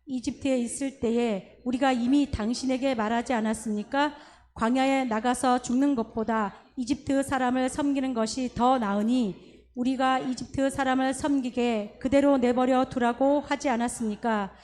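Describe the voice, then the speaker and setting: Woman reading scripture aloud, steady. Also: high-pitched, normal speed. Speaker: scripture reader.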